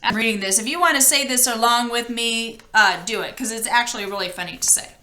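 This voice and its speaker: A woman with a slightly high voice reads a children's story aloud at a quick pace. She is animated and expressive, speaking directly to her listeners. The room she is in has an echo.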